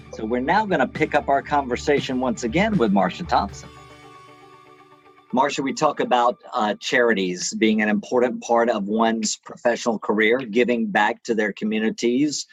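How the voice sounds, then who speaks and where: A man's voice: mid-range voice, moderate pace, soft background music. A man hosting a casual interview show, upbeat and jokey, now and then putting on a mock news-anchor tone.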